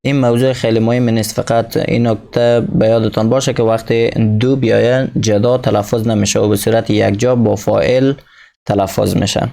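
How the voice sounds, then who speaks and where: Gravelly, dark-voiced male English teacher. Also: on the low side, little pitch movement. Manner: reads English examples slowly, explains quickly in Persian. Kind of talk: recorded lesson explaining a textbook.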